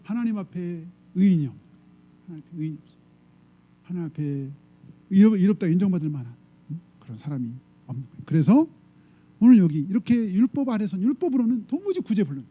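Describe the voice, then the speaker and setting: A male pastor preaching a sermon in a conversational style, often pausing to prompt the congregation with short questions. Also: high voice, sing-song, highs cut off. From South Korea.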